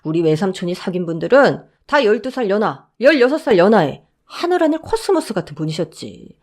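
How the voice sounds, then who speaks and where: A woman's voice: mid-range voice, very animated, brisk, darkish tone. A woman voicing a blunt male security guard who mocks and dismisses an intruder. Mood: dismissive. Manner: dismissive, gruff, sarcastic.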